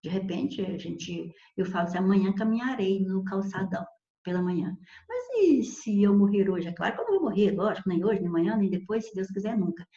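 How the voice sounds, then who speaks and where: Woman teacher, mellow tone, expressive and patient explainer; roomy, slightly muffled recording. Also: medium pitch. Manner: explains step by step, often checks with "certo?" and "tá vendo?"; lively, expressive emphasis with sudden slow stressed words. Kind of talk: grammar lesson.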